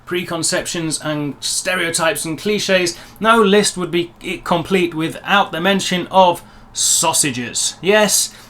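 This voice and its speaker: A man's voice: high-pitched, slow pace, fairly bright tone. A British man vlogging to camera, giving wry, opinionated and slightly pedantic commentary. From Britain. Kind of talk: talking to camera, opinion vlog.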